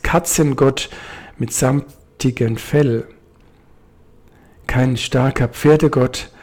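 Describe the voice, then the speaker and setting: A preacher reading a short radio devotion and telling a story, in a gentle, measured way. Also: male voice, medium pitch, slightly rough. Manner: gentle, measured, addresses listeners.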